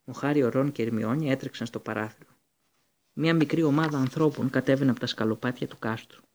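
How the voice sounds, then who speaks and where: Gravelly-voiced man reading a story. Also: mid-range voice. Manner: steady reading, occasional slips and restarts. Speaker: audiobook reader. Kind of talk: storybook narration.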